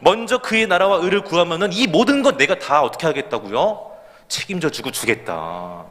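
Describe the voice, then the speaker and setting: A man preaching in an animated way, calling out hallelujah between points. His voice sits a little high and swings widely up and down. The sound rings with a long church-hall echo. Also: moderate pace. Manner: animated preaching, calls out hallelujah, laughs at his own anecdote. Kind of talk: sermon at a midweek prayer service. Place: church sanctuary.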